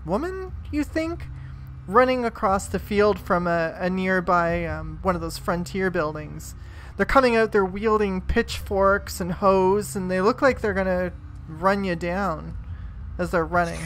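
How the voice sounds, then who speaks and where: A woman's voice: medium pitch, slight background noise. A woman narrating as game master in a casual, hesitant way full of fillers.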